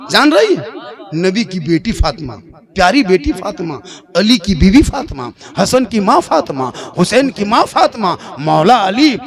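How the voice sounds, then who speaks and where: High-pitched man preaching a dramatic sermon. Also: creaky. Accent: Indian Hindi-Urdu. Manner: dramatic storytelling, acts out dialogue, rising to shouts. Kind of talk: emotional religious sermon.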